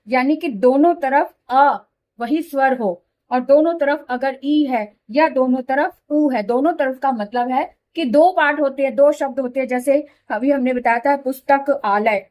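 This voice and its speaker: A middle-aged woman teaching Hindi grammar in a patient classroom manner, slowly repeating examples and checking that students follow. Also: high voice, a little mellow. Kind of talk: classroom explanation.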